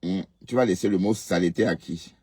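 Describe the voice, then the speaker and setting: A man's voice: low voice, fairly quick, mellow, slightly rough, no echo. A man hosting a casual live stream, reading comments and scolding viewers with rhetorical questions.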